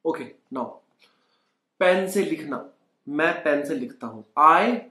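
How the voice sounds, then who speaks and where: A young Indian man gives a Hindi-English lesson at home, teaching spoken English in Hindi and coaxing learners to repeat sentences after him. His fairly high voice sounds pushed and bright, with lively intonation and a slow pace, and the room is echoey.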